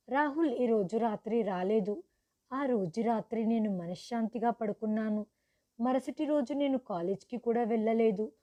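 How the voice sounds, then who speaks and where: A woman reading a first-person story aloud in an earnest, steady way. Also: on the high side, dull audio.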